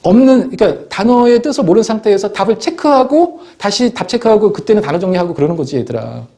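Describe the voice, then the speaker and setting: Animated, stammering male teacher. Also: sits high, fast talker. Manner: animated, scolding, acts out students and parents in quoted voices; stammers and restarts often. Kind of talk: motivational classroom talk.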